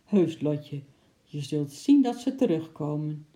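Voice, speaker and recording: Woman reading a calm reassuring uncle. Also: low voice, slow pace. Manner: soothing, reassuring. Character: kindly older man, calm and reassuring.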